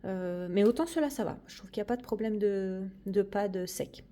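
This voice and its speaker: A woman's voice: medium pitch, moderate pace, background noise. A woman chatting casually through a tour of her coloring corner, hesitant and friendly. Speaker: coloring hobby vlogger. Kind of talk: casual room tour chat.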